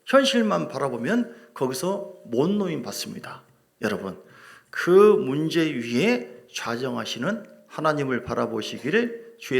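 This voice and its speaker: A middle-aged man preaching a sermon as a pastor in a church, lively and joking with his congregation. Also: mid-range voice, creaky. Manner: animated preaching with humor, asides to the congregation. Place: church sanctuary.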